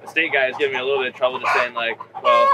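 A man chats fast with a host farmer, asking practical questions out on a farm. Loud outdoor noise with birds and clucking chickens fills the background of the recording. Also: mid-range voice, level tone. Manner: quick, conversational questioning. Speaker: visiting farmer. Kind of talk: casual questions on a farm tour.

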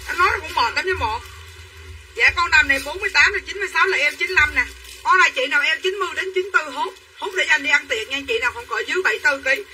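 A woman's voice: high voice, quick pace, bright, forceful tone. A woman, selling dresses on a livestream in chatty sales patter to her viewers. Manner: chatty, addresses viewers as sisters. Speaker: livestream clothing seller. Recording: from a distance, faint room noise.

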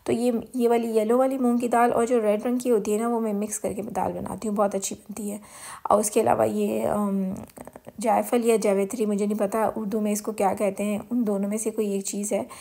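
Speaking a little fast, this woman has a warm, medium-pitched voice with vocal fry and little pitch movement. She's a home vlogger with a Pakistani accent doing a chatty grocery haul voice-over, explaining things and blending in English words.

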